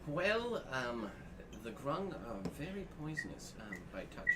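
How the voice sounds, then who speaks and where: A man's voice: medium pitch, big pitch swings, measured pace. A man playing a tabletop fantasy game, improvising in-character talk in hesitant, broken phrases. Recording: clear background noise.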